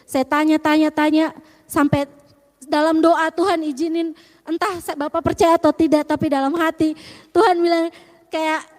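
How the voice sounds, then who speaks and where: Woman telling her faith testimony, earnest and halting, high voice, long hall echo. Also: flat delivery, darkish tone. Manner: earnest, halting, often quoting her prayers. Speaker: guest giving a testimony.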